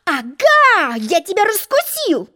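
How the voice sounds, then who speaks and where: A woman voicing a pompous, boastful egg-shaped male character in a storybook reading, haughty and quick to take offense. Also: high voice, sing-song, pitched above the performer's own voice. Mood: indignant.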